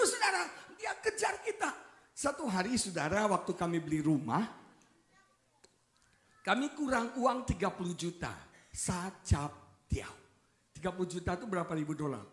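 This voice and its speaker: A man preaching a revival sermon as pastor, telling stories with jokes and calling out to his listeners. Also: very high voice. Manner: animated storytelling, joking, often addresses listeners as "saudara". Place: church hall. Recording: echoey church hall.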